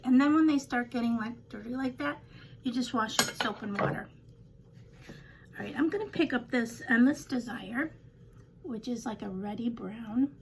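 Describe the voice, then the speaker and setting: An older woman beauty vlogger chats casually through a makeup tutorial at home, rambling with self-deprecating asides. Her voice is slightly raspy and on the high side, with a little hiss or hum in the recording.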